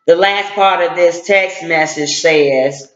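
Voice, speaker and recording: A man's voice: fairly high pitch, slow, fairly bright tone. A middle-aged man, a civil rights activist, delivering a blunt, confrontational, slangy online rant. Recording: echoey, dull lo-fi sound.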